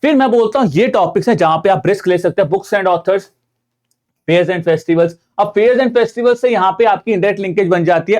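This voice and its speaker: A man with an Indian accent teaches an online exam-preparation class, his voice sitting a little higher than most men's. He explains point by point, keeps addressing his viewers as friends, and mixes English terms into his speech. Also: a little mellow. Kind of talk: online lecture.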